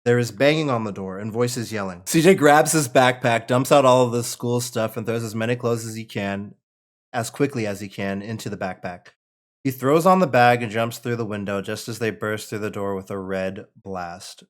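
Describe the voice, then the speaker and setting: In a lowish voice and at a moderate pace, a man voices the stage directions during a table read. He keeps it informal, adding casual comments as he reads.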